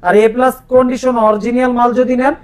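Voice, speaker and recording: A Bangladeshi man giving a slick, persuasive used-phone sales pitch, repeating prices and model names with emphasis. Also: flat delivery, fast, clean tone. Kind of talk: sales pitch for a shop video.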